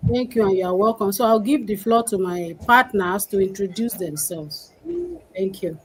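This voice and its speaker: A woman's voice: mid-range voice, moderate pace, slight background noise, poor audio. Upbeat woman hosting. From Nigeria. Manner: upbeat, welcoming greetings. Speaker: host of a live panel. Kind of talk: live-stream talk.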